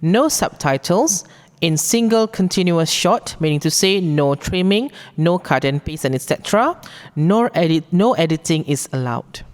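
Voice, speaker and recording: A woman with a Malaysian accent presents a formal briefing, reading out rules in a deliberate, instructive way. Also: on the low side, lively intonation, darkish tone. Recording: long echoing hall reverb.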